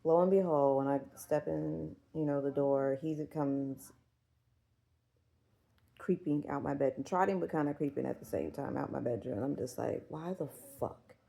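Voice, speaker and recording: A woman's voice: very deep voice, moderate pace, creaky, dark tone, rough recording. A woman in her forties chatting casually to camera in a rambling, profane way, full of fillers. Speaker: vlogger. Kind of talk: casual chat.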